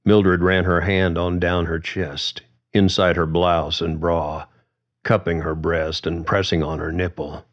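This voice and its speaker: A man narrating a story in a calm, measured reading. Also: deep voice. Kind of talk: audiobook narration. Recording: dull lo-fi recording.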